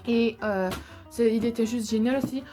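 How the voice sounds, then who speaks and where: A woman's voice: fairly high pitch, fairly even intonation, moderate pace, mellow, faint music behind. A young woman YouTuber casually chatting about her favorite books and films, enthusiastic and rambling, with many fillers.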